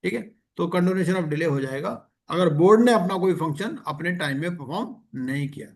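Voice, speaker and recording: A man teaching an exam-prep lecture, reading legal text slowly and explaining it. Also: on the high side, lively intonation.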